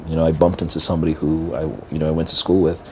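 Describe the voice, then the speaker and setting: A middle-aged man, telling a personal story in an interview as a lively storyteller who acts out the dialogue. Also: a bass voice, very fast, a little hiss or hum. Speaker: interview guest, business strategist and motivational speaker.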